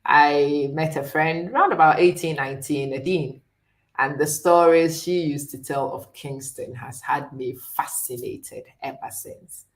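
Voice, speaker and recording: A woman's voice: low-pitched, unhurried. A middle-aged woman from Ghana hosting a chatty live stream, talking directly to viewers and often laughing. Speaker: host.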